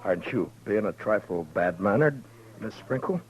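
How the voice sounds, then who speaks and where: An actor playing a steady, stubborn frontier marshal who also narrates a 1950s radio western. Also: male voice, fairly low pitch, normal speed, lightly acted. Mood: firm. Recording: dull old radio recording, music behind.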